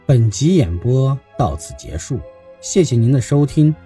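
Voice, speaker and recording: A man narrating a classical tale in a lively, expressive reading as the storyteller of his channel. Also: mid-range voice, unhurried, soft background music.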